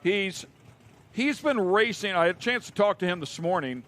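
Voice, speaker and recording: High-voiced male race commentator. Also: lively intonation, normal speed, fairly bright tone. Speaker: booth commentator. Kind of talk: live motorsport commentary. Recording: faint track and engine noise.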